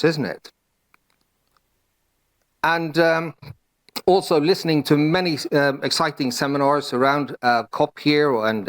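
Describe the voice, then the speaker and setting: A middle-aged man from Sweden with a Swedish accent, giving a conference presentation with many fillers and restarts. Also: on the high side. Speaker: panel speaker.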